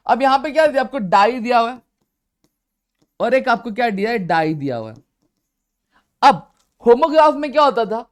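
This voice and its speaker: A man teaching a grammar lesson, animated and jokey, who keeps checking that the class has understood. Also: high voice.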